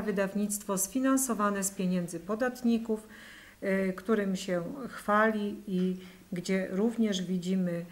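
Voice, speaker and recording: A middle-aged woman, a mayoral candidate, giving an earnest statement at a press conference with frequent hesitations, recorded indoors on a table microphone. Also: mid-range voice.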